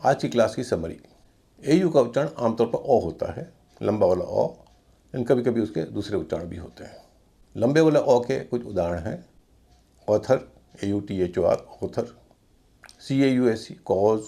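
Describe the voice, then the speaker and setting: Gravelly low-voiced male teacher. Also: mellow. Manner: slow, deliberate, spells words letter by letter. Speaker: English pronunciation teacher. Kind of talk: spelling-out pronunciation lesson.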